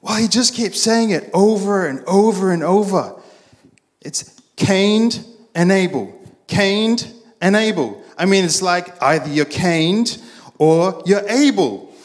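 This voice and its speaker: A man putting on a dazed, high-voiced young stoner. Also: lively intonation, slow pace, long reverb tail. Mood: dazed, earnest. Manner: drawling, stoner-like, says "man". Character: laid-back young male ex-junkie, dazed and earnest.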